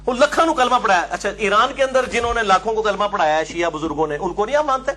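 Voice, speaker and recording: A man's voice: high voice, lively intonation, quick pace, sharp tone. A man giving an emphatic, argumentative religious lecture, citing books and asking helpers to show pages. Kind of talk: religious lecture with book references.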